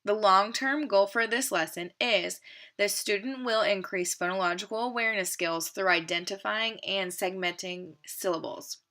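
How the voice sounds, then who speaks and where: A woman teacher explaining a literacy lesson plan step by step, steady and methodical, with occasional fillers. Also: medium pitch, moderate pace.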